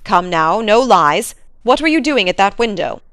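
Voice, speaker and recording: A woman's voice: medium pitch, sing-song, normal speed, a bit bright, smooth, no room sound, clean studio sound. A woman voicing a stern male baronet who demands answers from his butler.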